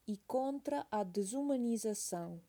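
Woman teacher, dictation pace, each phrase said twice with punctuation spoken; unhurried, warm tone. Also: a little high, lively intonation. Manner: repeats each phrase slowly, calling out punctuation. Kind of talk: slow dictation with punctuation read aloud.

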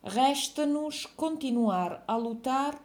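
Woman reading a dictation, soft dark tone, deliberate delivery, punctuation spoken aloud. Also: sits high, animated. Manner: measured, deliberate phrasing, says each phrase twice. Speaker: dictation teacher. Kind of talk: slow dictation, phrases read twice with punctuation called out.

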